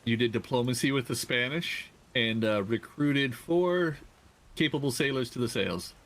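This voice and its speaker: A man's voice: medium pitch, moderate pace, a bit bright. A man chatting in character as a ship's crew member in a game roleplay, exasperated and joking. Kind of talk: casual in-character game chat.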